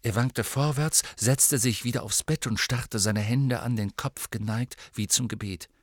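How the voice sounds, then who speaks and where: A man reading an audiobook in measured, scripted narration. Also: medium pitch, no room sound, clean studio sound. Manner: measured storytelling delivery.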